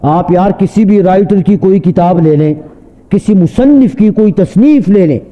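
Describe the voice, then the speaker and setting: A man's voice: high voice, warm tone. A man, a mufti, preaching earnestly to an audience, asking repeated rhetorical questions. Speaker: mufti giving a talk. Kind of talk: sermon. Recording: dull lo-fi sound with long hall reverb.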